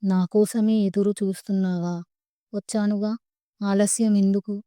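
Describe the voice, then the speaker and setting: A woman's voice: mid-range voice, little pitch movement, a little slow, mellow, dry recording, studio quality, close to an everyday voice. A woman voicing a burned, mad female ghost who taunts her victim with menace in a dramatized horror story. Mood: taunting.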